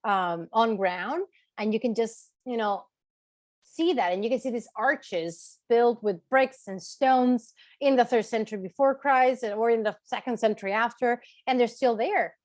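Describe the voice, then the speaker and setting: The voice is fairly high, a little slow and somewhat mellow, recorded dry at studio quality. It belongs to a Chilean woman acting as a tour guide in an informal online lecture with a question session, where she explains and checks in with listeners, often adding "right" or "okay."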